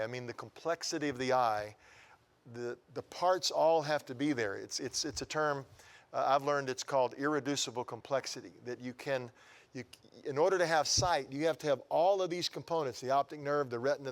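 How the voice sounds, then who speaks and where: Man, middle-aged, TV interviewer, rambling questions, studio set, lapel mic. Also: medium pitch. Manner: rambling, restarts questions while gesturing.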